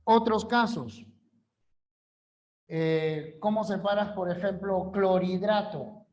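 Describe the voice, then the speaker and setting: A man's voice: high-pitched, steady tone, takes it slowly, darkish tone. A male language teacher giving an online class lecture, repeating key rules and checking understanding with short questions.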